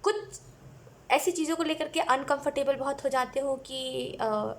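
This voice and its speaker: Chatty high-voiced woman reading tarot. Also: a little slow, a little hiss or hum. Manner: chatty, laughs often, mixes in English phrases. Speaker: tarot reader.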